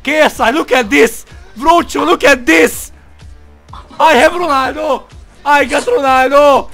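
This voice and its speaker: A young man shouting and swearing with joy in an excited reaction to opening packs. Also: extremely high pitch, soft background music. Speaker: gaming video creator.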